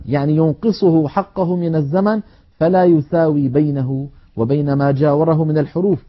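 A man teaching Quran recitation in a televised lesson, explaining in a measured way and chanting example words slowly. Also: fairly high pitch, lo-fi sound.

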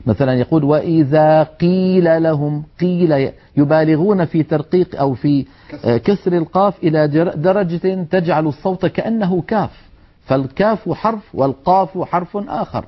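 A man's voice: a little high, a little fast. A man teaching Quran recitation, demonstrating letter sounds in an earnest, admonishing manner. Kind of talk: tajweed lesson. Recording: dull lo-fi sound.

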